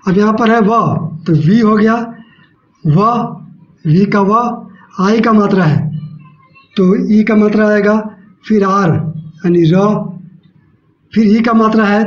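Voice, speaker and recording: A man with a noticeably high voice teaches a step-by-step language class in the manner of a teacher. He moves slowly and repeats himself as he writes on the board. The sound is dull and lo-fi, and his voice echoes around the room. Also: steady tone. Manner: slow, repeats each step, explains aloud while writing.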